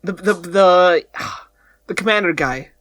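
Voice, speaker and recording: A man hosting a casual podcast, jokey and animated, dropping loud and soft. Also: high-pitched, takes it slowly. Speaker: podcast host.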